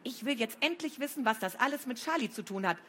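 A woman reading a storybook, voicing a fierce, upset boarding school girl in a high, shrill voice that rises to shouting. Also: very animated, a little slow, slight background noise. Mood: sharp.

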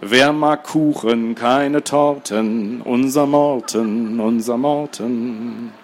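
A man reading a children's story aloud, singing as a cheerful pilot in a slow, drawn-out sing-song. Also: medium pitch. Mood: crooning.

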